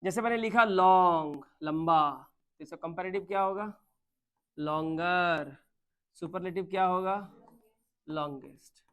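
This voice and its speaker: A man teaching a grammar class poses questions to his students and answers them himself, mixing Hindi with English terms. His high voice is fairly bright, clear and resonant, with a measured pace and frequent pauses.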